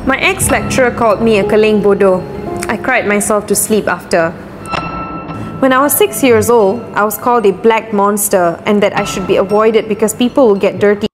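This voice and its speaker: Woman from Malaysia over clear music. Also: medium pitch, normal speed. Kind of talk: short personal social-media clip.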